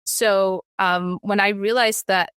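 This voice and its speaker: A woman in her thirties from Ecuador talks through her story as an interview guest, reflective and full of small restarts. Her pitch sits in a middle range. The sound is dry and close, with no room around it. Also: fairly even intonation, slow, a bit bright, smooth, no room sound. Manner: reflective, frequent restarts and fillers. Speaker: guest, artist. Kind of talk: conversational interview.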